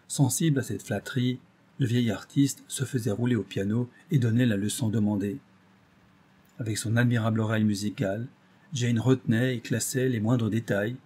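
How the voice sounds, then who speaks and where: A man narrating a literary audiobook at a measured pace, expressive in his delivery. His voice is mellow and dark, with a husky edge. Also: medium pitch. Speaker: audiobook reader.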